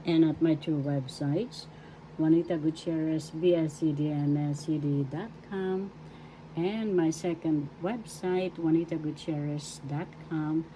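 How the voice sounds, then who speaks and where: A Filipino-accented woman teaching a language lesson, carefully sounding out and repeating each syllable in a polite, deliberate way. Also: low-pitched, steady tone, dark tone, a little hiss or hum, poor audio. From Philippines. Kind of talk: slow spelled-out language lesson.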